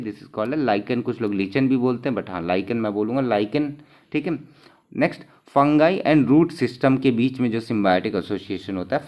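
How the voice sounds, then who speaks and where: A man's voice: mid-range voice, highs cut off. Man teaching exam questions. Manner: repeats key terms, asks and answers own questions.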